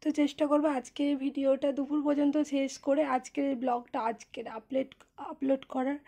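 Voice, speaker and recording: A woman narrating a casual home vlog into her phone, chatty and repetitive, her voice a little hoarse from the heat. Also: high voice, level tone, brisk, mellow, no echo. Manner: chatty, repeats herself, many fillers. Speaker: vlogger. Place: home, indoors and on a veranda. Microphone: phone camera.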